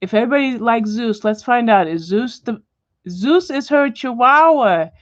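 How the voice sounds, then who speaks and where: A woman's voice: on the high side, expressive, moderate pace, no echo, highs cut off. Chatty woman hosting a coloring stream. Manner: chatty, answers viewers by name, drops to a whisper now and then. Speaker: livestream host. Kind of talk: casual chat while coloring, reading viewer comments. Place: at home, indoors.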